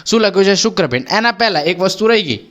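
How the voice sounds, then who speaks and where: A man's voice: high voice, animated, very fast, a bit bright. A young man with a Gujarati accent teaching an exam-prep biology lesson, asking questions and answering them himself, repeating each key term. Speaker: biology tutor.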